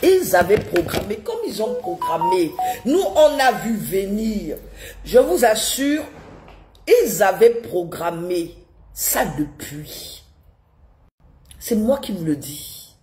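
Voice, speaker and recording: Over soft background music, a woman who comments on politics delivers a live-stream rant despite a head cold. Her mid-range voice is sing-song and a little mellow, and her slow, indignant scolding is full of repeated rhetorical questions.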